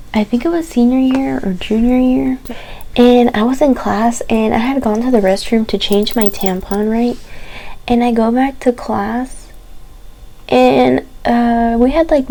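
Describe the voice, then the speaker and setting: A young adult woman vlogging, telling stories in a candid, animated, casual way, swearing and saying "like" often. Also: on the high side, creaky. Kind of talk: casual chatty storytelling.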